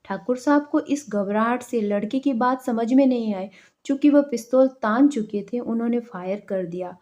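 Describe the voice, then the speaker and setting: A woman narrating a folk story in a measured, expressive storybook reading. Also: on the high side. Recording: dull lo-fi recording.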